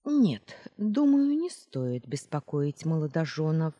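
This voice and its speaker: Woman voices earnest young shopkeeper, touchy, lively pitch, hall echo. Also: slow, lo-fi sound, exaggerated voice. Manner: earnest, easily offended. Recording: roomy reverb.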